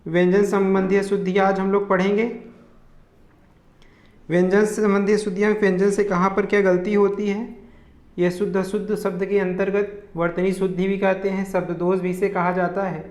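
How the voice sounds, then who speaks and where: A man with a high, flat voice runs a spelling drill for exam students. He calls out each wrong word, asks for the correct form and answers it at once. The room gives his voice a clear echo. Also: moderate pace. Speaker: Hindi grammar teacher. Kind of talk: exam-prep lesson.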